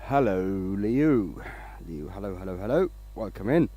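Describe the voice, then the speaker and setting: A man's voice: fairly low pitch, expressive, measured pace, warm tone, muffled recording. A man from Denmark, hosting a casual woodturning livestream, rambling along and greeting viewers by name.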